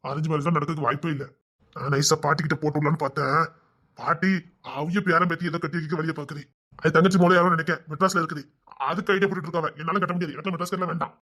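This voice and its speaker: Brief: a man as a lovesick youth with a lilt, high voice, rapid patter, fretful and pleading. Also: little pitch movement, sharp tone. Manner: fretful rambling inner monologue, then pleading. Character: lovesick young village man, restless, scheming to elope. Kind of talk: audio love-story drama.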